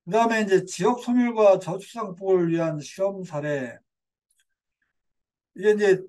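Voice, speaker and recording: A man's voice: sits high, warm tone. An older man giving a community lecture in a digressive way, with fillers and self-corrections.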